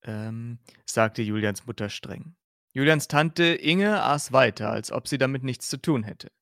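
A man's voice: medium pitch, a little slow, gravelly, dry recording, studio quality. Man reading a novel aloud. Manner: plain, steady reading with slips. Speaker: podcast host.

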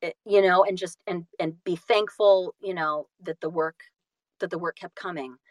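A middle-aged woman, an audiobook narrator appearing as a guest, chats casually on a podcast in a self-deprecating way, often restarting and repeating phrases. Her voice is fairly low with fairly even intonation, at normal speed and without echo.

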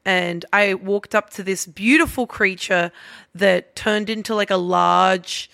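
Bright-voiced woman rambling through a story. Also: mid-range voice, measured pace, gravelly, no echo, clean studio sound. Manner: rambling, animated storytelling with many fillers. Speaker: podcast guest. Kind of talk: casual chat.

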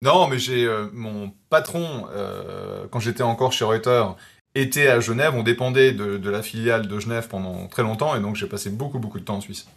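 Husky relaxed podcast co-host. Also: male voice, lowish voice, normal speed. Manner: relaxed, self-deprecating, hesitant. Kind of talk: casual tech podcast chat.

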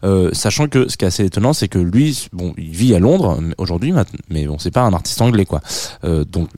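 A man in his thirties hosts a radio music show from the studio, his voice on the low side and mellow in tone. He rambles along casually, fills pauses with hesitations and pokes fun at himself, and the sound is close and dry. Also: big pitch swings, no room sound. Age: 30s. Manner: rambling and chatty with many fillers, self-deprecating asides. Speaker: radio host.

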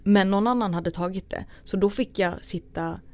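A woman's voice: mid-range voice, darkish tone. A woman from Sweden, a guest in her thirties, telling anecdotes in a casual interview and acting out the dialogue.

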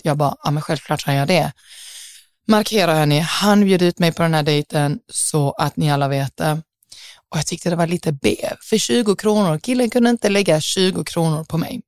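Young woman, low-ish voice, dry close mic, chatty and dramatic storytelling. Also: darkish tone, dry recording. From southern Sweden. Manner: chatty, dramatic, mixes in English phrases. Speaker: podcast host. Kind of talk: casual storytelling.

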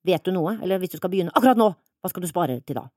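A woman's voice: on the low side, lively intonation, a little mellow, dry recording. A woman co-hosting a casual podcast, teasing her partner with dry remarks. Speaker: podcast co-host.

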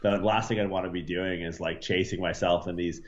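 A man's voice: low-pitched, fairly even intonation, fairly quick. A man in his thirties, a podcast guest, talking in a rambling, laid-back way with swearing and fillers. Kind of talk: casual podcast interview. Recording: slightly dull lo-fi sound with faint noise.

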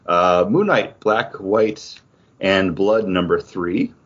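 The man hosting this podcast has a low, husky voice with a fairly bright tone and speaks slowly. He chats casually and improvises while going through award nominees. Sound quality is dull and lo-fi.

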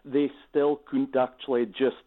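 A man with a Doric accent from the north-east of Scotland is speaking as a phone-in caller. He recounts his experience over a tinny phone line, at a medium pitch. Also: level tone, a little slow. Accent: Doric, north-east Scottish. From Aberdeenshire, Scotland.

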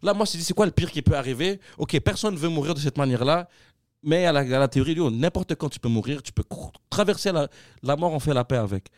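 A man in casual podcast chat, emphatic and fast, dropping English slang. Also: fairly high pitch, expressive, darkish tone, no room sound, studio quality. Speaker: podcast host.

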